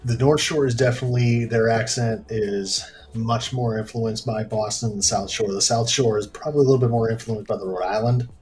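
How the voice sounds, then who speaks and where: A man's voice: medium pitch, fairly even intonation, fairly quick, hardly any pauses, a little mellow, soft background music. A man from Massachusetts co-hosting a podcast in casual chat, easygoing and hesitant with fillers. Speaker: podcast co-host.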